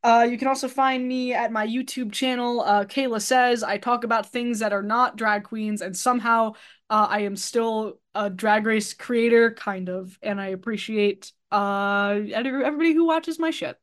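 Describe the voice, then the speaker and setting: A woman's voice: on the high side, steady tone, moderate pace. A woman speaking as a podcast guest, rambling in a blunt, self-deprecating way with lots of fillers. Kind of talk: casual podcast chat.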